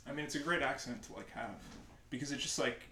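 A man from Staten Island co-hosting a casual podcast, talking quickly with lots of fillers and jokes, recorded in an echoey room. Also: mid-range voice, bright, forceful tone, a little hiss or hum. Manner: fast, filler-heavy, joking. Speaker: podcast co-host. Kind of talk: casual chat.

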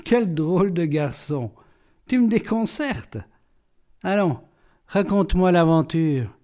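A man's voice: fairly high pitch, measured pace, mellow, close to an everyday voice. A man reading an audiobook, voicing a blunt, exclamatory police inspector. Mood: amazed. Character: gruff, amused male police inspector.

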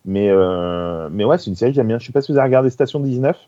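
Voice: mid-range voice, animated, fast talker, mellow, dry recording, lo-fi sound. A podcast co-host chatting casually about TV series, agreeable and stumbling over restarts. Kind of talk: casual chat reviewing TV series.

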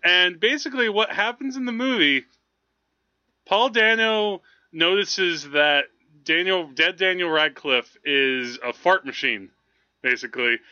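The audio is muffled as a male podcast co-host, high-pitched and sharp-toned, chats about films at a measured pace. His talk is casual and rambling, full of enthusiastic explanation and frequent "like."

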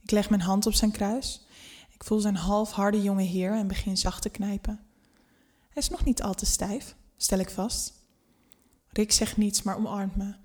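A woman narrating a scripted first-person erotic story in an intimate, unhurried way that drops to a hush at times. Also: mid-range voice.

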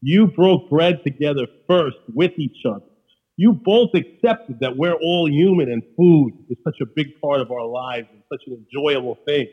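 A man with a strong-minded, repetitive way of chatting in a Queens accent. His voice sits a bit high and is slightly husky. He speaks casually, circling back to restate his points, and the audio is a little dull. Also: expressive, moderate pace. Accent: Queens, New York. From Queens, New York. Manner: emphatic, repeats himself, peppers talk with "you know". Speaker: podcast guest, restaurateur. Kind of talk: casual conversation.

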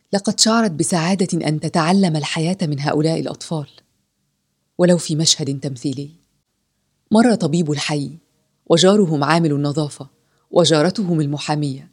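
A woman narrating a story in a slow, solemn, measured reading. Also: low voice, darkish tone.

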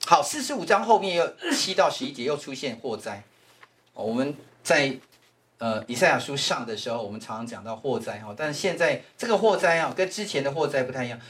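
A man with a Taiwanese Mandarin accent, a pastor teaching a Bible class in a lively lecturing way, repeating phrases and tagging sentences with "ha". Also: medium pitch. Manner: animated, repeats phrases, frequent "ha" tag fillers.

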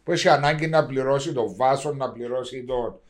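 A man in his fifties with a Greek Cypriot accent, chatting casually and emphatically about sport. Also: medium pitch. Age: 50s.

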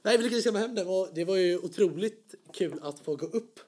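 Young man, high voice, podcast co-host, easygoing casual chat. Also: a little mellow, slightly rough.

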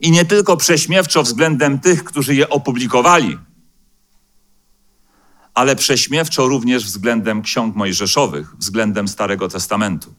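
A man preaching a sermon as pastor in a church, speaking in a measured way and slowing down to quote scripture, with the odd hesitant filler. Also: medium pitch, fairly bright tone. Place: church hall.

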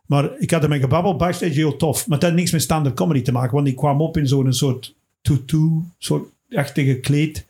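Animated man telling stories. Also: a little high, a little fast. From England. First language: English. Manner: animated storyteller, tags lines with "hè". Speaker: stand-up comedian. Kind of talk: casual chat, telling stage anecdotes.

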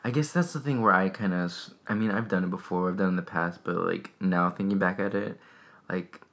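A young man chatting casually, raspy voice, rambling with many fillers and restarts. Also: low-pitched, fairly quick, a bit bright. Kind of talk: casual chat.

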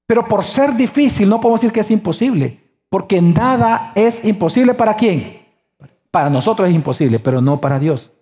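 A man's voice: high voice, expressive, fairly quick, mellow. A pastor in his forties preaching a sermon, emphatic and full of rhetorical questions to the congregation.

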